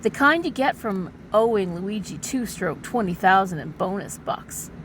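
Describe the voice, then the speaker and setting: A woman's voice: mid-range voice, expressive, a little slow, a bit bright, a little hiss or hum. A woman voicing a terse, shady male mafia enforcer with hammy stage-actor toughness in a noir romance reading. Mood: tough, terse.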